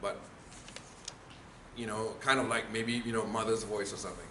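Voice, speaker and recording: Guy teaching a workshop, bright forceful voice, echoey room. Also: lowish voice, little pitch movement, moderate pace. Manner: emphatic, asks the room questions. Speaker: speaking trainer. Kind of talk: workshop lecture. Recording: echoey room, faint noise.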